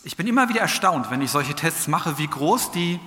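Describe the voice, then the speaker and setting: A man's voice: on the high side, sing-song, a little fast, bright, forceful tone. A man preaching a sermon in a conversational, slightly hesitant way. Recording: long church reverb.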